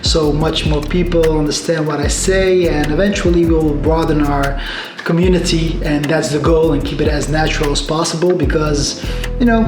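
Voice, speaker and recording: A relaxed man rambling to camera in an echoey room. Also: a little high. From Netherlands. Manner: relaxed, rambling, loose non-native phrasing. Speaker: entrepreneur vlogger. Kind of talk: casual vlog talk to camera. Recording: echoey room with music behind.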